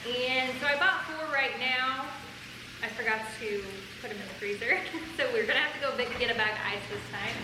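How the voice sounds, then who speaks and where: A woman's voice: a little high, fairly quick. A woman hosting a casual vlog, explaining things enthusiastically to viewers. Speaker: host of a family vlog. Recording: echoey room with faint background noise.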